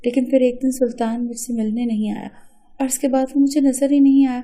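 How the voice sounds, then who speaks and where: A woman's voice: sits high, level tone, mellow. A woman narrating an emotional first-person story in an earnest storytelling manner.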